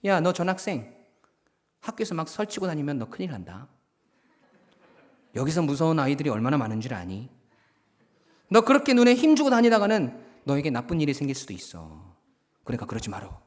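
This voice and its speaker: A teenage bully full of empty bluster and threats, put on by a man in a sermon. His voice sits high and jumps all over the place as he swaggers and menaces. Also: very animated, a little fast, long pauses. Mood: warning. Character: blustering teenage schoolboy bully, proud and insecure.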